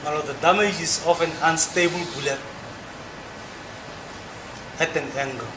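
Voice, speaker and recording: A man testifying as an expert witness under cross examination, explaining technical points in a formal, measured way. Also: fairly high pitch. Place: courtroom. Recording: echoey, noisy courtroom recording.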